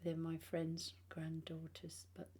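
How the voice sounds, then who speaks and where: An older British woman, in her sixties or beyond, chatting casually and haltingly in a personal vlog, sounding tired, with speech affected by missing front teeth. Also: low-pitched, monotone, dark tone, slightly rough. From England. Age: 60s or older. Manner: halting, rambling, trailing phrases.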